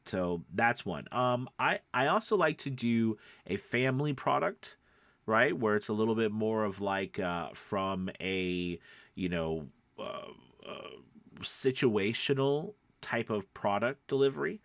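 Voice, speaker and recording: A man with a lowish, expressive voice and a stuffed-up nose talks at an unhurried pace, his tone a bit bright and the recording dry. He's a voice-over coach and podcast host giving a casual lesson to camera, speaking emphatically and regularly checking in with whoever's listening.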